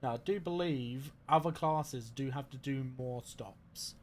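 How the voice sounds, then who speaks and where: A man's voice: mid-range voice, a little slow, a little mellow. A man giving casual, musing commentary as he plays a racing game, a little hesitant in his phrasing. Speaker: sim racing streamer. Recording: faint car noise behind voice. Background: racing game car sounds.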